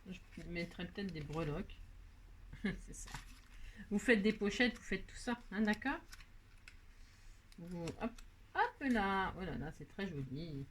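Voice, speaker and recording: A woman's voice: fairly low pitch, animated, a little slow, long pauses, slight background noise. A middle-aged woman chatting casually through a crafting tutorial, talking to herself and her viewers as she works. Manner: chatty, talks to herself and viewers, many fillers.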